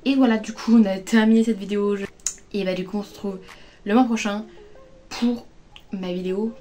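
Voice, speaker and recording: A woman's voice: medium pitch, mellow. A woman casually chatting through a book haul on her phone, rambling with lots of fillers and sounding overheated. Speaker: book vlogger. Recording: phone recording with faint music.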